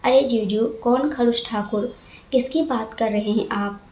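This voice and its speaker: Brief: spoiled young woman, whiny and sulky, high voice, echoey room, read by a woman. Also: measured pace, darkish tone, natural voice. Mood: chatty. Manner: whiny and complaining. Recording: roomy echo.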